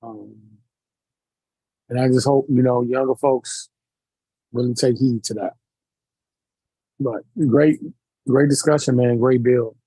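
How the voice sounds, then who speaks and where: A man on a podcast speaking slowly and sincerely, reflecting on the past. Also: mid-range voice, fairly even intonation, warm tone, slightly rough, no room sound, poor audio. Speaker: guest. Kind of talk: casual podcast discussion.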